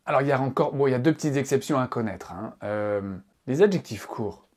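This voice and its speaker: A man with a husky, slightly breathy voice explains grammar in a casual online tutorial. He talks with lively emphasis and stretches out key examples so they land. His pitch sits in an ordinary middle range. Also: brisk. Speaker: English teacher.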